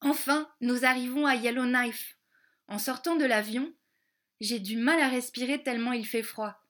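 A woman reading a children's storybook aloud, slowly and carefully spelling out each word, with little English lessons woven in. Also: on the high side, a bit bright. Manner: slow, careful, clearly spelled-out words. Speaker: audiobook reader.

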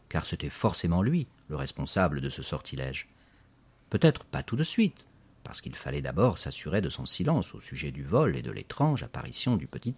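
A man narrating a children's story with expressive, lively storytelling. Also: low voice, slightly rough. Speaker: audiobook narrator.

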